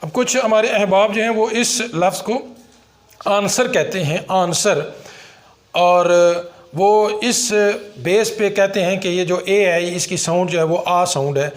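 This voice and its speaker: A man whose first language is Urdu, teaching English vowel sounds in a phonics lesson and repeating each sound slowly and patiently. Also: sits high.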